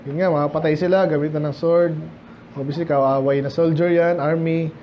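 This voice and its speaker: A male pastor with a Filipino accent, teaching verse by verse in a midweek Bible study, reading King James verses slowly and explaining them in mixed Tagalog and English. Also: a little high, steady tone, highs cut off, a little hiss or hum. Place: church sanctuary, indoors.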